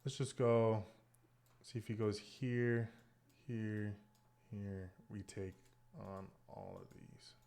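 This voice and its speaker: A man thinking aloud as he plays online chess, muttering moves and often dropping to a hushed near whisper. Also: fairly low pitch, animated, takes it slowly, gravelly, pauses often. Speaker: chess streamer.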